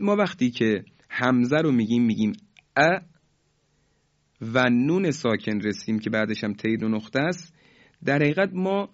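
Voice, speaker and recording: A man in his usual mid-range pitch leads a recorded recitation lesson. He speaks formally and politely, slowing right down to stretch out each example for repetition. The recording sounds somewhat muffled and lo-fi. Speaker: Quran recitation teacher.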